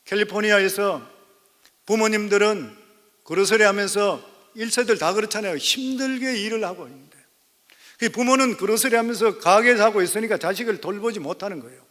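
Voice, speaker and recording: Pastor, man in his 50s, high bright voice, preaching in a church with long reverb. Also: a little fast. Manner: storytelling sermon, rising to emphatic exhortation. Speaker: senior pastor. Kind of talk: sermon. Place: church sanctuary.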